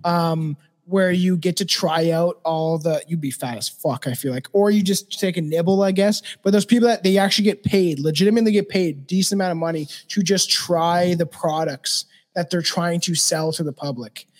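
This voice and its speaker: A man in his thirties talks loosely on a podcast. His voice sits fairly high. He rambles, restarts sentences and swears often. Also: normal speed, hardly any pauses. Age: 30s. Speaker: podcast co-host. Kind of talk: casual podcast chat.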